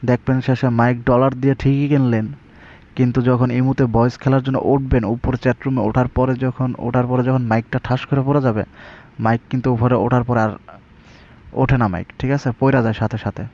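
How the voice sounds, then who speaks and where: Speaking quickly with a level tone, this Bangladeshi-accented man has a mellow, mid-range voice. As an online seller and video presenter, he delivers a relaxed, colloquial tutorial and sales talk and frequently checks in with listeners, on slightly dull, lo-fi audio.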